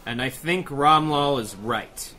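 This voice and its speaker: A male actor takes on the role of a confident, brisk police commissioner, acting in a 1930s radio-drama manner. His mid-range voice is bright and forceful and he speaks slowly, with a little background noise present.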